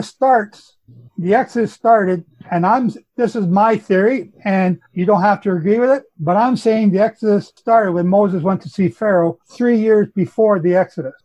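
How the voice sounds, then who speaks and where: A high-voiced Canadian man lays out his chronology with insistence, correcting himself as he goes. The sound is muffled and lo-fi. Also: measured pace, darkish tone. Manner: insistent, explanatory, self-correcting. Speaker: Bible chronology teacher. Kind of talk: teaching on a group call.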